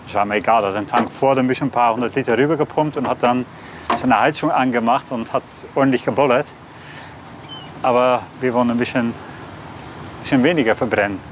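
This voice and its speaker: A man's voice: mid-range voice, brisk, background noise. A man in his forties talking plainly and hesitantly about his boat, interviewed outdoors on a harbour canal. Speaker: houseboat owner. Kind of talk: casual interview.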